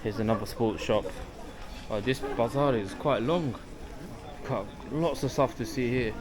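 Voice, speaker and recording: A London man with a mid-range voice and measured pace chats casually to his viewers, calling them "guys," while filming a travel vlog. He walks through an outdoor bazaar and its shops, friendly and informal, with busy street and crowd noise all around.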